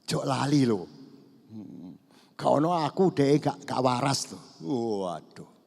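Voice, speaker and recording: Older pastor preaching in a reverberant church. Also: male voice, medium pitch, animated, slow, creaky. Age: over 50. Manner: conversational, mixes in Javanese words, swings between loud and hushed. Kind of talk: sermon. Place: large church hall. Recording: long church hall reverb.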